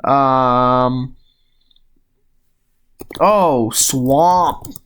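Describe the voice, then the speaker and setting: Slow-talking young man playing word puzzles. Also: medium pitch, fairly bright tone, smooth. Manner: unhurried, chatty, easily rattled and self-deprecating. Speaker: gaming channel host. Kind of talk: casual commentary while playing a word game.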